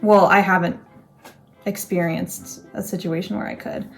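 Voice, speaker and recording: A woman's voice: lowish voice, fairly even intonation, normal speed, vocal fry, faint music behind. A young woman in casual chat, thinking aloud in a reflective, rambling way with restarts. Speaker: co-host.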